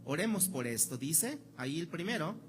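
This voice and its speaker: A man's voice: on the high side, big pitch swings, moderate pace, faint music behind. A Mexican pastor preaching a sermon in a conversational way, asking rhetorical questions and acting out the voices of people he quotes. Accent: Mexican Spanish. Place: church hall.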